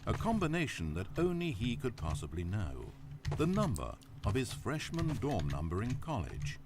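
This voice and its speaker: A sardonic game narrator, very deep voice, lively melodic delivery, measured. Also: male voice, heavy background noise. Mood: wry. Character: dry, wry omniscient male storybook narrator. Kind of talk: scripted narration.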